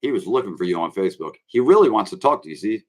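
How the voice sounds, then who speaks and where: A man's voice: on the low side, big pitch swings, fast talker. A man hosting his own online show, ranting loosely and calling his viewers kids. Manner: brash, swaggering, addresses viewers as kids. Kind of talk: rambling live-stream rant.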